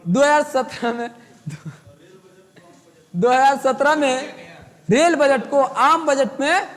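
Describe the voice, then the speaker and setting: A hoarse male teacher lecturing a classroom and dictating notes, repeating each line slowly and hushing the students. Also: very high-pitched, long reverb tail. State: hoarse, sore throat.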